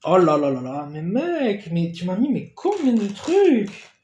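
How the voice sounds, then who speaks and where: A man in a casual unboxing vlog who gets excitable, swears casually and thanks the sender again and again. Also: high voice, a little slow, reverberant, muffled recording, slight background noise. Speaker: YouTuber opening a gift parcel.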